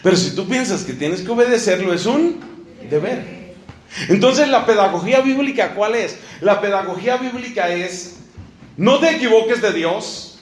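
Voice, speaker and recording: A man preaching a sermon, animated, swinging between loud emphatic lines and low asides, acting out little dialogues. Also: normal speed. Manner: acts out little dialogues in different voices. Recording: echoey room with faint ambient noise.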